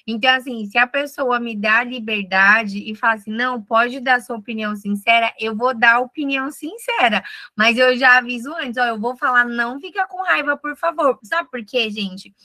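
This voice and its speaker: A woman, teaching a finance class on a video call in a frank, energetic way, firing off questions. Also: on the high side, normal speed, few pauses, dry recording. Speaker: finance trainer. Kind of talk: online group class.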